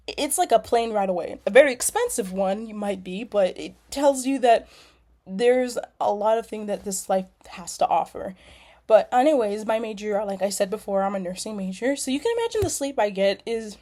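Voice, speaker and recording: With lawnmowers droning in the background, a young woman from California, who is studying nursing, introduces herself in a laid-back video. Her mellow voice sits in the mid-range, and she leans often on "um" and "like."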